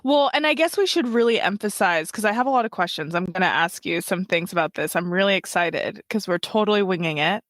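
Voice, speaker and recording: An animated American woman hosts a podcast, chatting casually with a guest. She laughs often and jumps into playful voices when she retells stories. The recording is dry and close, with no room sound around her. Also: mid-range voice, a little fast, hardly any pauses, no room sound. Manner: bubbly, laughs often, acts out quoted voices. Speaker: podcast host. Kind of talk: casual interview chat.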